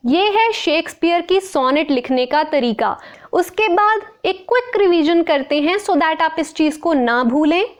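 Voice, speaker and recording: A woman teacher explaining a lesson in a clear, slow way, repeating key terms. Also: very high voice, expressive. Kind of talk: Hindi-English explanatory lesson.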